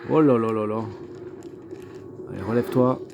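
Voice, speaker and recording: A man talks through a game in casual commentary, thinking aloud and often pausing on fillers. His voice sits at an ordinary middle pitch. Clear background noise runs under the recording. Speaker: game reviewer.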